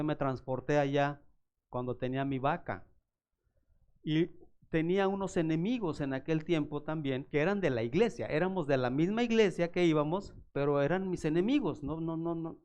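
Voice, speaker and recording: A man's voice: a little high, smooth, lo-fi sound. A male pastor, preaching a sermon through personal stories and acting out the voices of the people in them. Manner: animated storyteller acting out voices. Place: church.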